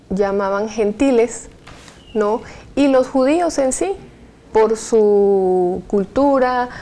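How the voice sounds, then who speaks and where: A woman's voice: a little high, a little mellow. A woman from Colombia, a guest on a Bible study program, explaining carefully and often adding "¿no?". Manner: measured, explanatory, frequent "¿no?" tags. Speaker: guest, university staff. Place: TV studio.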